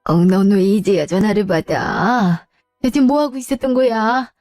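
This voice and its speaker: A woman's voice: medium pitch, steady tone, moderate pace, a little mellow, dry recording, faint music behind, natural voice. A woman voicing a retired mother in her sixties, sighing and muttering complaints to herself in a radio drama. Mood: hurt. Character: retired older mother, hurt and proud.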